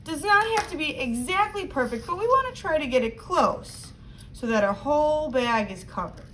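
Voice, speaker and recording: High-pitched woman teacher instructing young children. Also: expressive, normal speed, fairly bright tone, poor audio. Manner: simple, instructive, addressing children directly. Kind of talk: step-by-step craft instruction for children. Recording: clear background noise.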